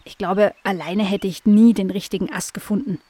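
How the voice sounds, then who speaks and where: A woman's voice: mid-range voice, steady tone, normal speed, mellow, breathy edge, dry recording, close to an everyday voice. A woman voicing a curious, cheerful young female dog in a children's audio story, talking eagerly.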